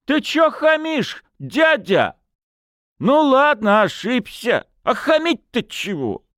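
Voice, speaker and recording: A man's voice: on the high side, wildly swooping pitch, takes it slowly, dry recording, studio quality, voice pushed up, full character voice. A man voicing a drunk, rowdy young village accordion player who hollers brashly and slurs his words. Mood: indignant. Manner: loud, slurred, brash hollering.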